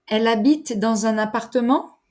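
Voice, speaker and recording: A woman teaching a French lesson, enunciating each phrase slowly and carefully. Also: a little high, a little mellow. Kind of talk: slow, clear language lesson.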